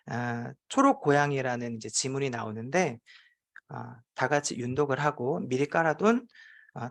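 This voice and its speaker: A man's voice: a little high, fairly bright tone. A man, a teacher presenting at a forum, telling a playful classroom story with frequent hesitation fillers.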